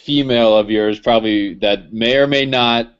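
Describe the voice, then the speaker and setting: A man's voice: mid-range voice, normal speed, smooth, highs cut off. A man co-hosting a casual podcast chat, joking and swearing freely. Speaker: podcast co-host.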